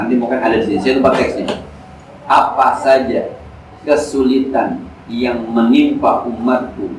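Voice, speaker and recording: Man teaching in echoey mosque. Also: medium pitch. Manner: casual, joking, slangy teaching. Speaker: Islamic teacher. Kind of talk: mosque study lecture. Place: mosque hall. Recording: echoey hall, distant mic, faint noise.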